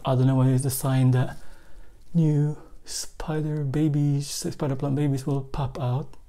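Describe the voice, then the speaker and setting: Gravelly low-voiced woman showing off her houseplants, lots of ums, kinda unsure of herself. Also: mellow. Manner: hesitant, many fillers, self-deprecating. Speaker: plant vlogger. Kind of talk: casual home plant tour. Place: spare room at home.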